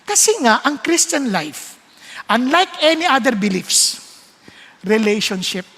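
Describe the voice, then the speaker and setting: A man preaching a sermon, storytelling with lively switches between Tagalog and English and acting out voices. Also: very high voice, slow pace, slightly rough. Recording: long hall reverb.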